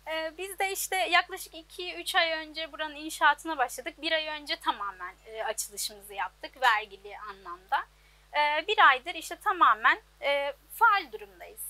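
A young woman in her twenties with a high, bright voice answers an interviewer. She talks simply, often hesitating with small fillers. She stands in an outdoor laundry workshop. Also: lively intonation, unhurried. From Turkey. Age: 20s. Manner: plain, hesitant with many fillers. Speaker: business owner.

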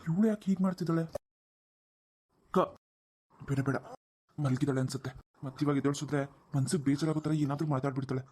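A man's voice: a little high, fairly even intonation, fast talker, long pauses, warm tone, breathy edge. A man voicing a young cartoon husband who earnestly pleads with his upset wife and mutters his worries to himself. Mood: pleading. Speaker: cartoon character. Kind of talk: animated drama voice acting.

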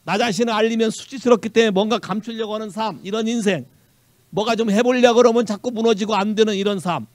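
Male Korean pastor, high voice, lively preaching with bits of English, dry close sound. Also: fast talker, dry recording. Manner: animated preaching, mixing Korean with English phrases, quizzing the congregation. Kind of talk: sermon. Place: church sanctuary.

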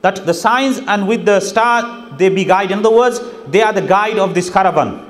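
A British man, a mufti, telling a story in a sermon and reciting verses in Arabic between his English lines. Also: high voice. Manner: quick Quran recitation in Arabic woven into English retelling. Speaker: mufti giving a lecture.

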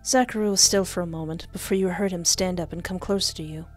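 Speaking fast in a lowish, fairly even voice, a young streamer reads a visual novel aloud and reacts with sass and cheek. She sits indoors at a desk using a headset and close desk microphone, with faint game music underneath.

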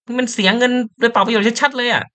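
A man voicing a bossy, nagging young woman in a game, in a high, shrill voice. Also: racing, bright, forceful tone. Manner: nagging, scolding.

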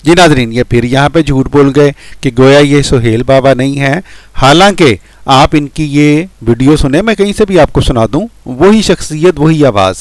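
A man hosting a commentary channel speaks straight to his viewers while mocking his opponent, reacting to voice messages being played. His voice is mid-range and the recording is dry.

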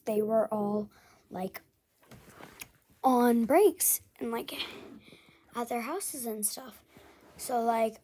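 A woman's voice: a little high, dark tone, slightly rough. A young woman telling a casual storytime tale in a rambling way, full of fillers and often half-whispered.

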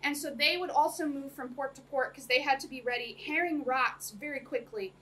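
Brisk and sharp-toned, a young woman with a high voice lectures to a small audience in a chatty academic talk, peppered with ums and laughs. The setting is a small room with a projector screen. Her sound comes from a camera across the room, distant and faintly noisy.

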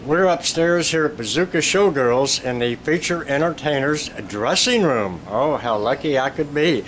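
A man interviewing a performer in a dressing room, asking drawn-out, joking questions. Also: fairly high pitch. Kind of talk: casual interview. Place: small dressing room, indoors. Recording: room audio with steady hum.

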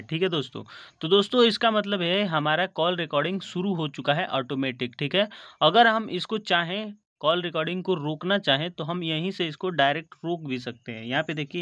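A tutorial video host with an Indian accent explains a phone process step by step, often seeking confirmation and treating viewers as friends. His voice is on the high side with a fairly bright tone, and there's no echo.

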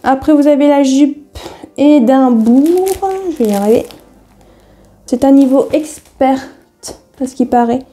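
A woman's voice: high voice, a little slow, long pauses, dark tone, soft background music. A woman chatting casually in a sewing haul video, rambling with many hesitations and laughing at herself. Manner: self-deprecating, easily laughing. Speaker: sewing vlogger.

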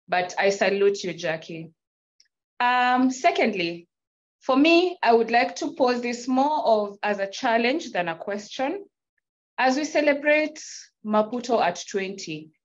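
A woman making an earnest, challenging comment from the floor of a conference hall into a handheld mic. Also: a little high. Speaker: conference attendee. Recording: dull, muffled sound.

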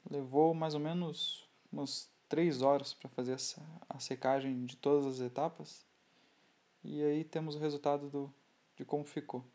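Relaxed, halting Brazilian man, dark voice. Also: on the high side. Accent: Brazilian Portuguese. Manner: relaxed, halting, with many restarts. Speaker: scale model builder. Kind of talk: hobby tutorial voice-over.

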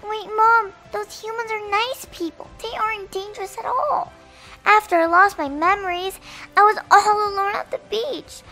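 Woman as a very high-pitched little mermaid girl. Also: fairly even intonation, normal speed, bright, forceful tone, soft background music, full character voice. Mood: earnest, pleading. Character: sweet earnest young mermaid girl, adopted by humans. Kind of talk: animated game-story voice acting.

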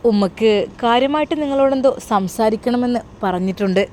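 A woman's voice: on the high side, a little fast, darkish tone, lightly acted. A woman playing a worried young man, earnest and explaining, close to the storyteller's own everyday voice. Faint background hiss sits under the speech.

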